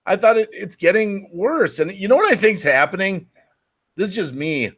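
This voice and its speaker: A man's voice: sits high, lively intonation, normal speed, a bit bright. A man co-hosting a live stream in casual, joking chat.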